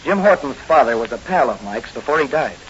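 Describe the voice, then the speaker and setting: In a brisk, mid-range voice with lively intonation and only light acting, a man plays an earnest rookie cop with a hidden crime-fighting life, 1940s radio style. His mood is earnest and concerned, heard through a hissy, dull old radio recording.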